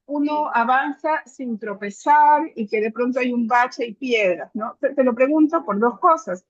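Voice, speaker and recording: A woman with a high voice hosts a literary interview and asks long, winding, admiring questions. The sound is dry and slightly muffled. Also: no echo.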